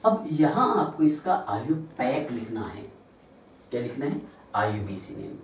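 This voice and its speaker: A man's voice: medium pitch, very animated, far from the mic. A man with an Indian Hindi accent teaches chemistry, counting carbons aloud and asking questions that he answers himself. He is recorded from across a very echoey classroom, with faint room noise behind him. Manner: asks rhetorical questions and answers them himself; spells out formulas slowly, counting carbons aloud. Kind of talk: classroom lecture. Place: large classroom.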